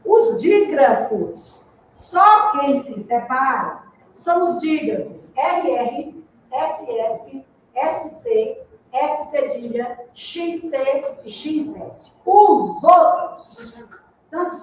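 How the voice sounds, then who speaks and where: A woman's voice: sits high, lively intonation, drawn-out words, slight background noise. A woman teaching Portuguese in an exam-prep lecture, explaining step by step and checking in with her students. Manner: explains step by step, asks "né?" and "entendeu?". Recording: echoey room, distant dull mic.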